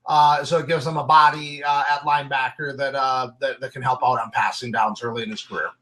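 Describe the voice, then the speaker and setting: A man's voice: mid-range voice, fairly even intonation, a little fast, pushed and bright, poor audio. A man giving opinionated, casual sports commentary as a draft analyst.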